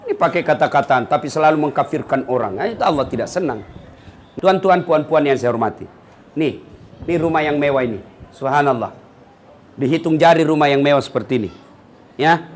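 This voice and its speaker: High-voiced lively preacher man. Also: brisk, pauses often, a little hiss or hum. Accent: Makassar. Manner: lively, teasing, mimics people he quotes. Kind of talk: humorous sermon.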